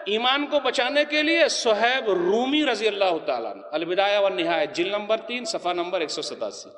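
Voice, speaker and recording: A man preaching a sermon to a live audience, animated, putting questions and challenges to his listeners. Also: high voice. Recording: long hall reverb.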